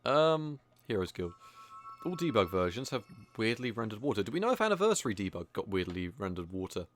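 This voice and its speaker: Low-voiced man casually commentating gameplay. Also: sing-song, brisk. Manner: casual, rambling, self-deprecating. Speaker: streamer playing a video game.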